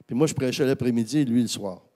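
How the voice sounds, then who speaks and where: Québécois pastor guy, mellow voice, storytelling sermon, lots of euh and restarts. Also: mid-range voice, quick pace. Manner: animated storytelling, many fillers and restarts.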